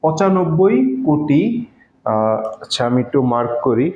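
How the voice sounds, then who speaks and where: A man's voice: fairly high pitch, lively intonation, darkish tone. A man with a Bangladeshi Bengali accent teaching a math lesson step by step, patiently, with many fillers. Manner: patient, explains slowly with fillers. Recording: echoey room, dull lo-fi sound.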